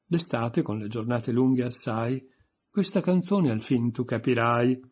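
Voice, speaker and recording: A man's voice: medium pitch, a little slow, darkish tone, husky. A man reading an audiobook voices a pompous, stern egg creature reciting verse.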